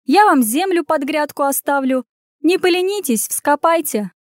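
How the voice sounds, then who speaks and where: Woman doing a bossy fake granny, high-pitched, loud, mocking, scolding, dry close sound. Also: lively intonation, moderate pace, no room sound. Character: brash cunning young woman who plays a cranky village granny.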